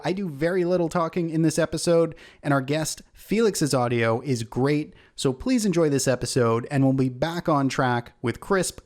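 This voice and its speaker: A man hosting a podcast in a relaxed, chatty way with fillers and restarts, his voice caught on a backup device so it sounds tinny and metallic, like talking inside a tin can. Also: mid-range voice, echoey room. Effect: tinny, hollow metallic sound like talking inside a tin can. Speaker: podcast host. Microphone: backup recording device, not the studio mic.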